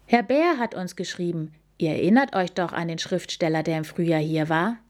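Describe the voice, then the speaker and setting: A woman voicing a kind, motherly hotel keeper in a storybook reading, warm and caring. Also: on the low side, moderate pace, close to an everyday voice.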